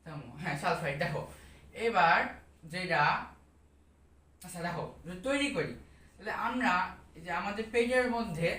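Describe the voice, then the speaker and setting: A woman's voice: lowish voice, normal speed, long pauses, fairly bright tone. Woman teaching a science class, keeps asking and repeating, sounds far from the mic in a roomy space. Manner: asks and repeats questions to pupils. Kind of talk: classroom lesson. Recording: echoey room, distant mic.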